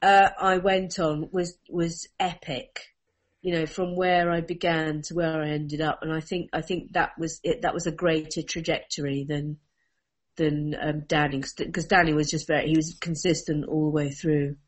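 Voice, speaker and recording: A woman's voice: low voice, moderate pace. A woman, telling funny stories in a casual chat and laughing often as she talks. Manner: animated storyteller, laughing through anecdotes.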